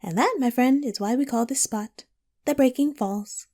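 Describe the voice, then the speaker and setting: A woman voicing a teasing, riddling female cat from Wonderland in an audio roleplay, coy and playful with drawn-out, whimsical phrasing. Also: high voice, dark tone. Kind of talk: scripted audio roleplay addressed to the listener.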